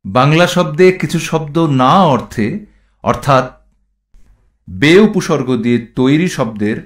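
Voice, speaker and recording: A man teaching standard pronunciation, reading rules and example words one at a time in a measured recitation. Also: medium pitch, expressive. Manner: measured, reads rules and word lists one item at a time. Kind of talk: slow instructional recitation.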